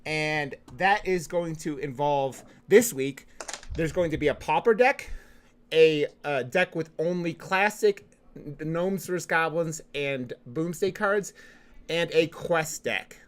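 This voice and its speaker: A man's voice: fairly high pitch, slow. A man hosting as an esports caster, introducing a match in a chatty, informal, explanatory way.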